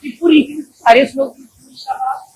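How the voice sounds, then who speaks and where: A woman pastor from Brazil preaching a sermon in an animated way, moving between loud exhortation and quiet asides. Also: high voice, quick pace, poor audio. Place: church.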